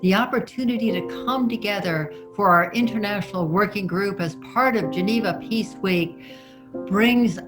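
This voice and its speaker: Woman doing scripted voiceover, earnest, guitar music clear underneath. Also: medium pitch, normal speed, rough recording. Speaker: narrator. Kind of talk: scripted narration.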